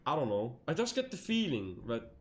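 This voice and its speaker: Streaming a horror game, a man offers rambling, casual commentary, laughing often and jumping to high yelps. His pitch swoops wildly, and he talks fairly quickly.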